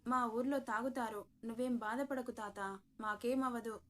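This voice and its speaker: A woman's voice: fairly high pitch, fairly even intonation, normal speed, close to an everyday voice. A woman doing cheeky, bossy young bride Indu.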